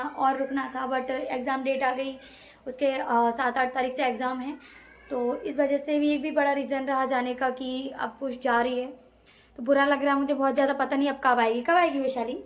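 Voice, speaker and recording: A woman's voice: sits high, steady tone, normal speed. A young woman, chatting casually to her viewers in a vlog. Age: young adult. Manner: talks to viewers directly, chatty and emotional. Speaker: vlogger. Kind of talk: casual chat to camera.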